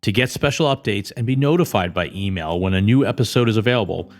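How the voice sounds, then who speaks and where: An American plastic surgeon who hosts a podcast speaks quickly and animatedly in a lowish voice. He explains things to patients in a conversational, emphatic style, talking straight to the listener.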